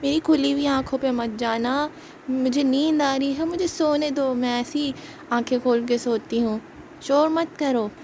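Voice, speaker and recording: A woman's voice: unhurried, darkish tone, a little hiss or hum. A woman voicing a drowsy, teasing older sister doll in a children's puppet show. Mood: sleepy. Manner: drowsy, mocking, lower-voiced.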